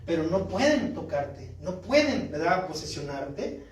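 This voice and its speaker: A man's voice: a little high, big pitch swings, unhurried, a little hiss or hum. A man preaching as a pastor, reading scripture aloud and often asking his congregation "¿verdad?". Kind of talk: sermon. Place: church hall. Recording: echoey church hall from far off.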